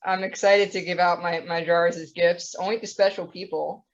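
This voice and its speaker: A woman's voice: on the low side, fairly even intonation, moderate pace, a little hiss or hum. Woman, young adult, casual podcast chat, rambling, muffled lo-fi sound. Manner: chatty, rambling with fillers. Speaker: podcast co-host. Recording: dull lo-fi audio.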